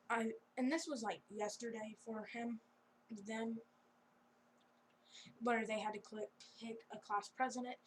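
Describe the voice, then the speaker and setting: A woman's voice: medium pitch, slight background noise, low-quality recording. A young woman improvising a fan story in a rambling, giggly, chatty way. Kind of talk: casual improvised story narration.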